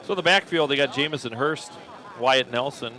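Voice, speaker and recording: Brisk and steady, this local radio football play-by-play announcer turns up his pitch and volume when a play breaks open. He thinks out loud and corrects himself in the moment.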